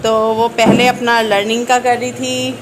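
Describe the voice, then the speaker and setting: A middle-aged woman from North India talks through her day in a casual home vlog, her voice a touch high. She explains each step as she goes, chatty and unhurried, with faint room sound behind her in a home kitchen. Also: flat delivery, background noise. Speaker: vlogger.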